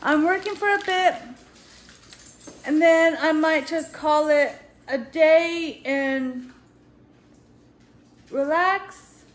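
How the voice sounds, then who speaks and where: A woman's voice: high-pitched, very slow, pauses often. A woman in her thirties talking casually to camera in her living room, sounding tired and winding down her day. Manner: relaxed, tired, talking to her dogs between remarks to camera. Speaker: vlogger. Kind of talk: casual vlog talk. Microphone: phone camera at arm's length.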